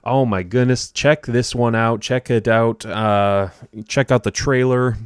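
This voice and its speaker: A man's voice: medium pitch, fairly even intonation, clean tone, no room sound, studio quality. A man hosting a podcast, talking casually with lots of fillers and restarts. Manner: halting, many fillers and restarts. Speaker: podcast host. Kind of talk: casual interview chat. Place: home studio, Tampa.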